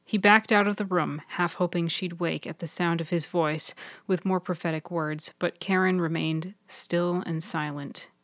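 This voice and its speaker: Low, dry-voiced woman narrating fiction. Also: fairly even intonation, normal speed, a bit bright, dry recording. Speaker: author and narrator. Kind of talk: scripted audiobook narration.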